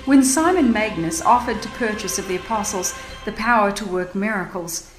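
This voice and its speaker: A woman with a medium-pitched voice narrates a religious history audiobook at normal speed, solemn, emphatic and formal. It's dramatized scripted narration, her voice echoing over background music.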